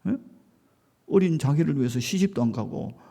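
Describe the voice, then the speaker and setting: A man's voice: fairly high pitch, lively intonation, moderate pace, gravelly, mellow. A man preaching a sermon as a pastor, telling a story with rising emphasis and acted-out quotes.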